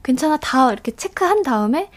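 A woman hosting a casual radio talk show on dating, speaking in a gentle and agreeable way. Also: sits high, big pitch swings, brisk. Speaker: radio host.

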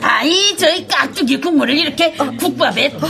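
Woman playing a high-pitched, foul-mouthed old granny. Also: animated, normal speed, creaky, pushed and bright, full character voice. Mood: cursing, mocking. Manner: foul-mouthed, scolding, cursing bluntly. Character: foul-mouthed, gruff old granny running a soup restaurant. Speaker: restaurant owner. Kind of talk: acted comedy dialogue.

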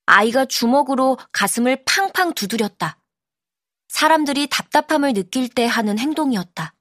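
A woman narrating an audiobook in a calm, measured storytelling manner, close to the mic. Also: sits high, dry recording. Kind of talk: scripted narration.

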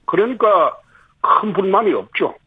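A man, a city government official, answering radio interview questions and explaining policy point by point with pauses. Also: high-pitched, animated, husky, no echo. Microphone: phone. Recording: tinny phone line.

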